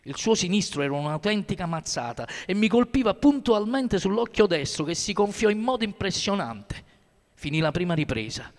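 Reading a first-person story aloud, a man keeps a measured, steady delivery in a voice that sits high for a man. A long reverb, like that of a large hall, hangs over the recording.

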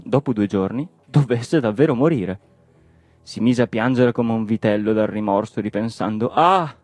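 A man narrating a story in a measured, expressive reading. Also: on the low side, no echo.

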